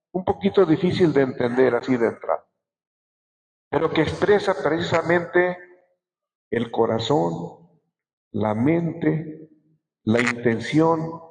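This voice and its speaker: A man, a bishop giving a Sunday sermon, preaching slowly and emphatically and stretching out his words. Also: fairly high pitch, gravelly, a little mellow. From Mexico. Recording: echoey church hall.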